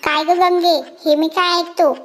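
A performer voicing a henpecked village husband in a cartoon, with a high pitch-shifted voice. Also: male voice, flat delivery, measured pace, fairly bright tone, a little hiss or hum. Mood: blustering.

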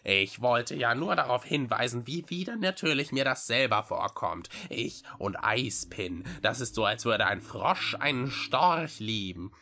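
Man doing a slow, drawling old witch creature. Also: medium pitch, big pitch swings, bright, forceful tone, heavily acted. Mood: chatty. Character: old female witch-like creature, sly and dramatic.

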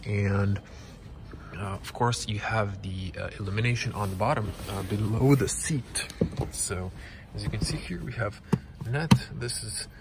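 A young man whose first language is Croatian, giving a casual walkaround car review in a showroom, talking haltingly with many fillers into a handheld camera. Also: on the low side, vocal fry, background noise. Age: young adult. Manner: halting, many fillers, non-native phrasing. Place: car dealership showroom, inside a car. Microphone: handheld camera close to face.

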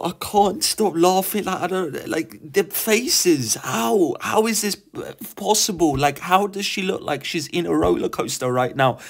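A man with a high, creaky voice and a breathy edge hosts a movie reaction. He's excitable, exclaiming and laughing often in casual reaction chat.

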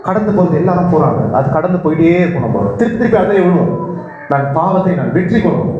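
A man delivers an earnest sermon in a fairly high voice, restating phrases as he presses his point. He moves between urgent raised pleading and quieter low stretches. The recording is very echoey, as from a church hall, with a faint hiss behind him. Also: lo-fi sound. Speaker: preacher. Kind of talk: Tamil sermon.

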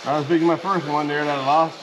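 A middle-aged man, calling out excitedly while wading and fly fishing in a river, heard from a camera on the shore. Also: a little high, fast, noisy background. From Newfoundland, Canada. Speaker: fishing video maker. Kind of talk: casual outdoor commentary.

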